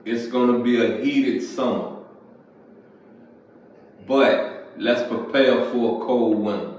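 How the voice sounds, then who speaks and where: A man preaching casually as a pastor and podcast host, often clearing his throat and asking "you feel me". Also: mid-range voice, fairly even intonation, takes it slowly, a little mellow, a little hiss or hum. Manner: conversational, repeats "you feel me". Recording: echoey, distant, dull lo-fi sound.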